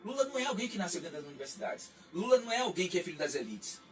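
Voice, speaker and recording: A high-pitched man in his forties, guesting on the radio, talks politics at a rapid-fire pace with big pitch swings. His tone is reflective and lecturing, full of restarts. The studio mic is distant, and faint music plays underneath.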